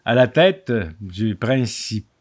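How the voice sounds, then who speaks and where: A man hosting a radio interview, measured and hesitant, with many fillers. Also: mid-range voice, lively intonation. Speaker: radio host.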